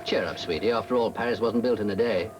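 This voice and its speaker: A man's voice: fairly low pitch, fast talker, highs cut off, loud music behind the voice, lightly acted. A man playing a dry, worldly fashion businessman. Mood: dry, teasing. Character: cynical worldly man in the dress trade. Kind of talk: 1950s film acting. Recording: old film soundtrack with background noise.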